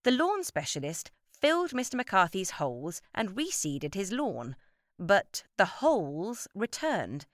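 A woman reads a children's story aloud with lively, animated expression. Her pitch moves a lot between lines. The sound is dry and close to the mic. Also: unhurried, no echo. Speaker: narrator. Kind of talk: storybook reading.

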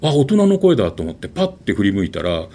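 A man telling a ghost story in an animated, dramatic way, with vivid sound words. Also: on the low side, fast.

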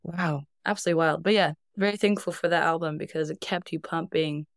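A young Icelandic woman, the singer in a band, tells stories as a guest in a casual interview, reflective and laughing often. Her voice is low and brisk with fairly even intonation, captured in clean studio sound without echo.

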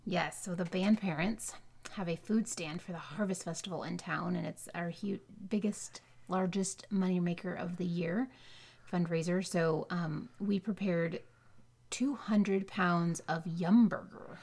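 A woman's voice: fairly low pitch, steady tone, measured pace, gravelly, darkish tone, breathy edge. A woman co-hosting a podcast, chatting casually in a dry, laid-back way. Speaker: podcast co-host. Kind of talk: casual chat.

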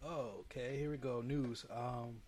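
A man in his thirties chatting casually as a podcast co-host, making quick jokes. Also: mid-range voice, steady tone, darkish tone, a little hiss or hum. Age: 30s. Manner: joking, quick wisecracks. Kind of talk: casual chat.

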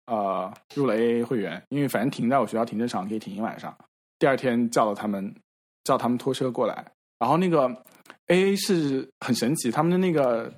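A man on a podcast, casually telling a story in halting repeats and acting out the quoted dialogue. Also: medium pitch. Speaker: podcast regular. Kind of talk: casual chat.

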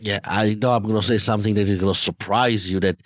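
A middle-aged man from Italy in animated, joking conversation, often restarting his sentences. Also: lowish voice, fast talker, no room sound, studio quality. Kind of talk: conversational interview.

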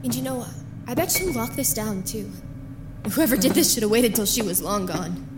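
A woman's voice: fairly high pitch, lively intonation, normal speed, background noise, lightly acted. A woman playing an anxious, loyal character in an audio drama, in naturalistic dialogue. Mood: troubled.

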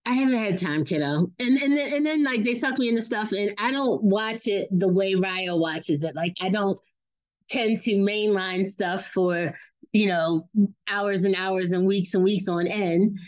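A woman's voice: mid-range voice, a little slow, low-quality recording. A woman chatting casually as a podcast guest, laughing often and acting out quotes in a raised voice. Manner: animated, laughing storyteller who acts out quotes in a raised voice. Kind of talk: casual family chat.

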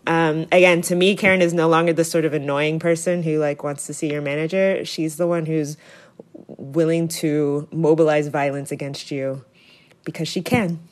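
A woman's voice: deep voice, steady tone, normal speed. A woman giving conversational commentary.

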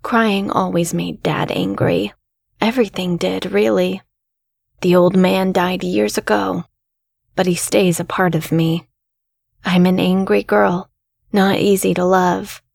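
A woman narrates scary stories in a slow, measured storytelling manner. Her voice is gravelly, and the recording is dry and close. Her pitch sits in the middle range for a woman. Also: steady tone, a little mellow, no room sound. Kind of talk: scripted narration.

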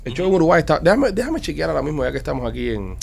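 Fast-talking podcast host, teasing. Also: male voice, a little high, very animated, vocal fry, husky. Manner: playful, teasing, jumps between topics. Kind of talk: casual podcast banter.

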